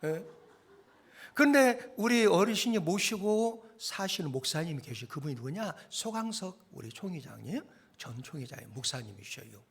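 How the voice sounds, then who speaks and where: A man with a Jeolla accent preaching a humorous sermon to a congregation, joking and then shouting. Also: a little high, moderate pace, breathy edge. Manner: animated, joking, swings to shouting. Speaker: guest preacher at evangelism seminar. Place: church hall with congregation.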